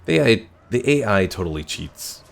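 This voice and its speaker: Low gravelly streamer. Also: male voice, big pitch swings, moderate pace. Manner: wry, reads chat and laughs at himself. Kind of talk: casual gaming commentary.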